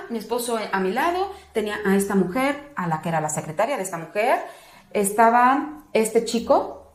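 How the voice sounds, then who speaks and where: A woman, a doula and interview guest, recounting a personal experience and acting out the other people's words. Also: medium pitch. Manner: animated, acts out other people's words with a raised voice. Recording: roomy echo.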